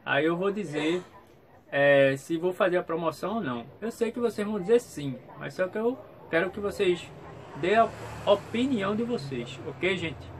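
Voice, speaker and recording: A man's voice: high voice, expressive, normal speed. A man gives a casual vlog update in a hesitant, repetitive way, often checking in with his viewers. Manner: hesitant, repeats himself, frequent checking tags. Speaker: YouTube channel host. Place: small room at home, indoors. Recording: clear background noise, room ambience.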